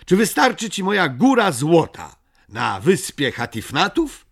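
A man's voice: a little high, wildly swooping pitch, measured pace, vocal fry, voice pushed up, heavily acted. A man doing a solemn little creature judge. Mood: insistent. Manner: raised, insistent, commanding. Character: small earnest male creature judge, solemn and decisive. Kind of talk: storybook character voice.

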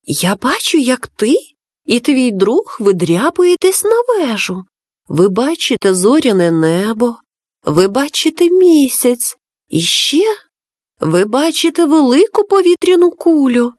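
A woman voicing a gentle magic talking seashell, with a thin, melodic voice and a calm, dreamy manner, in a storybook. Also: high-pitched, measured pace, no echo, studio quality, full character voice.

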